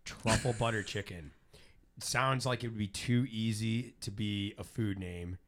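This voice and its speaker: A man hosting a casual podcast guessing game, laughing often and breaking into loud bursts. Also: lowish voice, steady tone, unhurried. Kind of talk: casual group chat.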